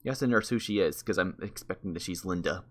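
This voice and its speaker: Fast-talking man reading a text adventure. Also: sits low, slight background noise. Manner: reads text aloud, breaks off with wry comments and self-corrections. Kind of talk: reading a game aloud with asides.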